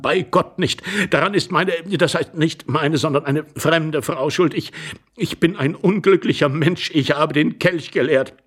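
A man's voice: fairly high pitch, breathy edge, pitched above the performer's own voice. A man voicing a desperate husband who pleads and stammers with a breaking, sobbing voice. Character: pleading, sobbing jealous husband caught in shame.

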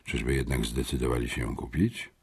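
Whispered role-play: hushed teen sidekick sleuth, voiced by a man, low and breathy. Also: fairly even intonation, a little fast, exaggerated voice. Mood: secretive. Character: schoolboy detective, whispering sidekick.

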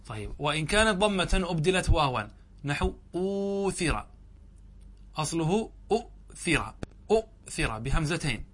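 A sheikh gives a grammar lesson in a fairly high voice for a man. He works through each rule slowly, asks his listeners questions and answers them himself, and draws out each example word syllable by syllable. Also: a bit bright. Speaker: sheikh teaching Arabic grammar. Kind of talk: classroom lesson explaining a grammar text.

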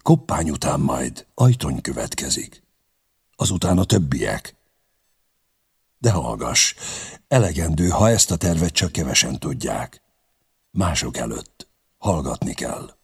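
A man voicing a stern, measured young king, grave and commanding, with a gravelly, husky voice. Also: extremely low pitch, big pitch swings, full character voice.

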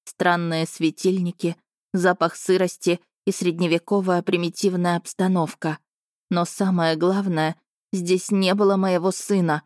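A woman's voice: fairly low pitch, level tone, unhurried, a little mellow, no echo, studio quality. A woman narrating a first-person fantasy audiobook.

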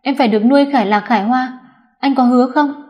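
A woman's voice: high voice, quick pace, darkish tone, close to an everyday voice. A woman reading the lines of a fearful young mother who insists on firm promises, in a storybook reading. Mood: insistent. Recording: dull lo-fi recording.

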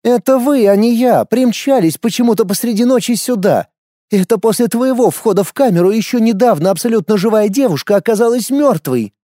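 A cold, scheming elf woman, played by a man snaps orders in a high, icy voice full of contempt. Her lines swing widely in pitch as she threatens. The recording is dry, like a close-miked audiobook. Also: expressive, fairly quick, warm tone, no echo. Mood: threatening.

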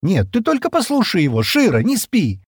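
A man voicing an excitable, quarrelsome young woman who speaks in a shrill, insistent way. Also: normal speed, slightly rough, dry recording, clean studio sound, exaggerated voice.

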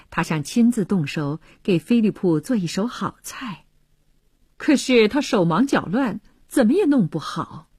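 A woman narrating a serialized radio story in an expressive storytelling manner, often dropping to a hushed voice. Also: medium pitch, slightly rough, dry recording, clean studio sound.

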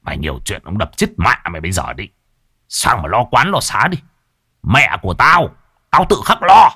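A man's voice: lowish voice, big pitch swings, moderate pace, sharp tone, husky, dry recording, studio quality, full character voice. A man voicing a brutal, coarse village husband, barking threats and curses. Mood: menacing.

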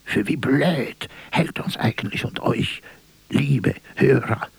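In a radio drama monologue, a man plays a world-weary, self-mocking stage actor, declaiming haltingly with bitter irony. His mid-range voice is a full character voice, often dropping to a breathy whisper. The mood is hushed and sardonic.

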